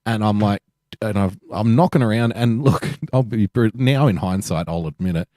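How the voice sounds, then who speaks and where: A low-voiced Australian man co-hosts a podcast in relaxed chat. He tells stories with jokey asides and laughs often. His voice sounds dry and close to the mic. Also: normal speed, no echo. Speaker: podcast co-host. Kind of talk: casual chat.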